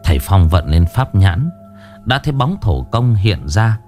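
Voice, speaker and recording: A man narrating a ghost story in a dramatic, expressive way. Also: fairly low pitch, unhurried, faint music behind.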